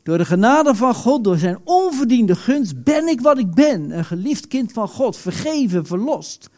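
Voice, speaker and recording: A man preaching a sermon, animated, acting out quoted prayers with sudden loud outbursts. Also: extremely high pitch, a little slow.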